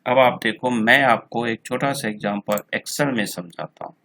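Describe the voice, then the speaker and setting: Bright-voiced male accounting tutor, slow and repetitive. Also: mid-range voice, vocal fry, slight background noise. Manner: slow, repetitive explaining, reads figures out twice. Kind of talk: screen-recorded software tutorial.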